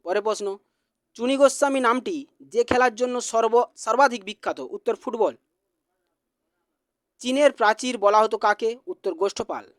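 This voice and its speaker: Male teacher, high-pitched, brisk repetitive question-and-answer drill, dry close-miked sound. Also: no room sound. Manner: brisk, repetitive quiz reading.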